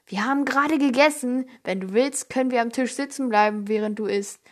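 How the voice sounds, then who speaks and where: An excitable, cheerful young boy bursts in with bright, eager lines, as a woman puts him on while reading a storybook. His voice sits a little higher and louder than the narration around it. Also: fairly quick, close to an everyday voice. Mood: excited.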